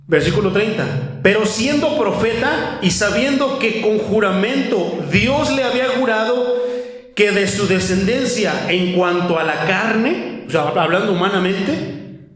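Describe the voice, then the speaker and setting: A man preaching an expository sermon in a church, reading Bible verses slowly and then explaining them in a conversational way. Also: high-pitched. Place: church sanctuary. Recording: very echoey church hall.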